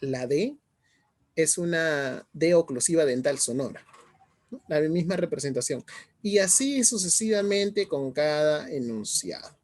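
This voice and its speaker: A man's voice: on the high side, a little mellow. A middle-aged male teacher giving an online class, often asking students questions and checking in as he explains. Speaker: language teacher.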